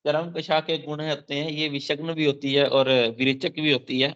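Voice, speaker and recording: Male Ayurveda tutor, bright and forceful delivery, repeats terms and checks in constantly, slightly lo-fi recording. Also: fairly high pitch, little pitch movement, moderate pace. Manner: explains Sanskrit verses line by line, repeats key terms; mixes in English terms, frequent "theek hai" check-ins. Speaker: Ayurveda teacher. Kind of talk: exam-focused lecture. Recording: dull lo-fi sound.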